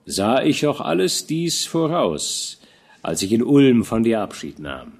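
A seasoned old war commander, voiced by a man reading an audiobook, kind and paternal beneath his authority. He speaks warmly and evenly, lifting his voice with lively pitch as he reassures. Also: measured pace, gravelly, exaggerated voice. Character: veteran male army commander, fatherly and kind.

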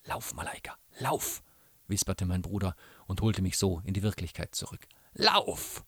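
A man's voice: low-pitched, level tone, brisk, warm tone, slightly rough, no room sound. A man doing a desperate, injured young brother. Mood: urgent. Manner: urgent, breathless pleading.

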